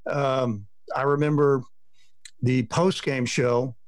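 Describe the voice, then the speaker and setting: A man's voice: mid-range voice, fairly even intonation, takes it slowly, dry recording. A middle-aged man, a sports reporter, telling rambling stories on a podcast and acting out what people said. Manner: rambling storyteller, acts out quotes. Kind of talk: casual podcast chat.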